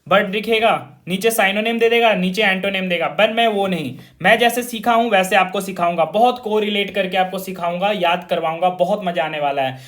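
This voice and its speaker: High-voiced man drilling a vocabulary lesson. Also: brisk, few pauses, a bit bright. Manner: repetitive call-and-response drilling, addresses viewers as children. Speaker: vocabulary teacher. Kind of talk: informal online classroom lesson.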